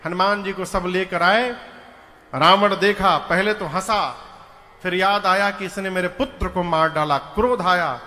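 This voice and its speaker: High, bright-voiced man telling a devotional story. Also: measured pace. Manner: dramatic, animated storytelling. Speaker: katha preacher. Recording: reverberant hall with music.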